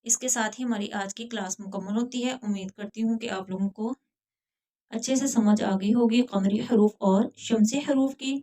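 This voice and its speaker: A woman teaching a recorded lesson on reciting the Quran. She speaks in a slow, deliberate way and draws out the example words with care. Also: a little high, warm tone.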